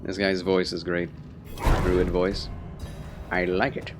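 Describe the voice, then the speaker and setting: A man's voice: low-pitched, completely flat delivery, slow pace. A man doing casual, playful live gameplay commentary as a streamer, in short muttered reactions. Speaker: game streamer. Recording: streamer voice over loud game music.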